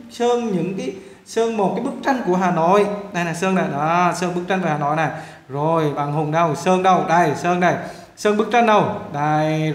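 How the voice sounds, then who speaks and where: A male English teacher with a Vietnamese accent, talking through a lesson in a high voice. He repeats words and keeps checking in with his viewers. The sound is echoey, as if from a bare room. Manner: repetitive, coaxing, checks in often with the viewers. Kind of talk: casual classroom lesson.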